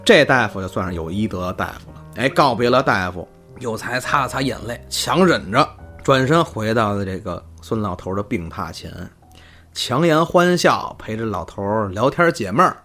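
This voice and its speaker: A man hosting a storytelling podcast, narrating in a lively, chatty way with asides to his co-host. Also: lowish voice, normal speed, soft background music.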